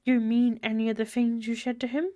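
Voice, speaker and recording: A woman voicing a kindly, wise grandmother who gives soft, measured advice. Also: fairly high pitch, little pitch movement, muffled recording, background noise, close to an everyday voice. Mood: gentle.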